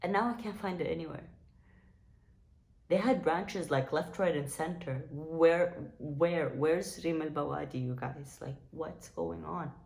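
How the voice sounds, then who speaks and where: A woman's voice: sits low, a little slow, creaky, darkish tone. A young woman from Dubai chatting to camera in a casual vlog, gushing and nostalgic, full of "like" and "you guys". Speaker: vlogger.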